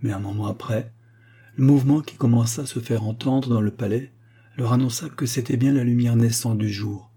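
A male narrator reading a historical novel aloud in a measured, literary manner. His voice is dark and mellow, with a husky edge. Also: mid-range voice, fairly even intonation. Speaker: audiobook narrator.

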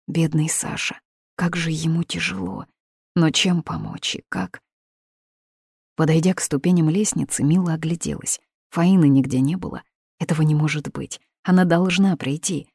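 Woman audiobook narrator, steady reading, dark mellow tone. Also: deep voice, slightly rough, no echo, studio quality. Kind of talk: scripted narration.

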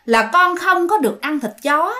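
A woman's voice: high-pitched, lively intonation, moderate pace, fairly bright tone. Woman voicing a ghost mother. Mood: coaxing. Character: long-armed female tree ghost posing as a mother.

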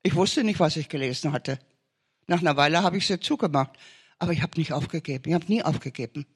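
A man's voice: fairly high pitch, fast talker, slightly rough. A man preaching an urgent sermon testimony, pressing listeners with emphatic, repeated short commands.

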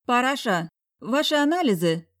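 A woman's voice: fairly high pitch, sing-song, moderate pace, no echo, clean studio sound, voice pushed up. A woman voicing a smug, teasing middle-aged male doctor in an audiobook. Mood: brisk. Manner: teasing, self-satisfied.

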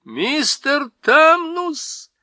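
A man's voice: high-pitched, big pitch swings, a little slow, bright, forceful tone, no echo, clean studio sound, voice pushed up, heavily acted. A man voicing a kind, earnest young girl in a storybook reading, anxious and pleading. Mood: worried pleading.

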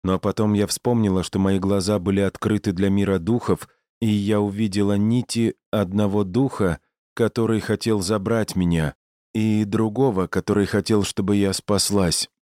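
A man voicing a troubled young woman in a storybook reading, speaking softly and quietly. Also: fairly low pitch, steady tone, normal speed, no echo, studio quality, lightly acted. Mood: hushed, regretful. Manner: soft, hushed delivery.

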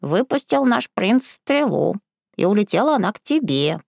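A woman's voice: mid-range voice, big pitch swings, moderate pace, creaky, darkish tone, no echo, clean studio sound, voice pushed up. A woman reading a storybook and voicing a crafty, rude old village woman who flips between sugary coaxing and coarse scolding. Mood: coaxing, bossy. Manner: sing-song sugary then snapping, coarse.

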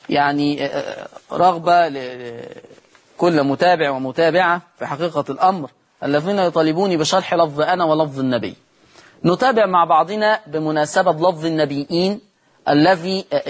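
A man with an Egyptian accent teaching Quran recitation on television, moving between quick explanation and slow, drawn-out chanted verses. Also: a little high. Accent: Egyptian Arabic. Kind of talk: televised tajweed lesson.

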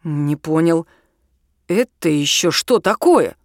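A woman voicing a gruff, curt grown man who organizes a camp trip, brusque and grumbling. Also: deep voice, animated, takes it slowly, dry recording, clean studio sound, voice pushed down, full character voice. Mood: snapping.

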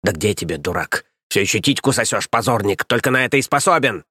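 A man voicing a coarse, scheming stout nursemaid woman who scolds and sneers in a raised, shrill voice. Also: animated, quick pace, sharp tone, breathy edge, no room sound, studio quality, exaggerated voice. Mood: scolding. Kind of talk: audiobook character voice.

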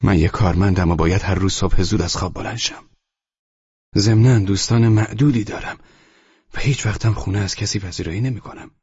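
A man reading an audiobook, voicing a meek, anxious young tenant who talks softly and apologetically. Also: on the low side, husky, voice pushed up. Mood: apologetic. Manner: soft-spoken, apologetic. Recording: muffled lo-fi audio.

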